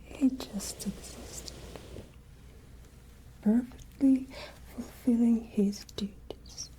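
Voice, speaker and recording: A woman playing a haughty, menacing, ageless vampire lady of a castle in a whispered ASMR roleplay, with deliberate, imperious delivery. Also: fairly high pitch, fairly even intonation, dark tone, rough recording. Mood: cold, wistful menace.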